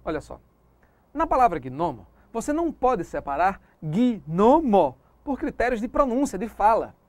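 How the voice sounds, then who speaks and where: A man's voice: high voice, big pitch swings, moderate pace, dry recording. A man with a Brazilian Portuguese accent teaching a recorded exam-prep lesson, drilling points with call-and-response questions and putting on the student who asks them. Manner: plays the student asking himself questions.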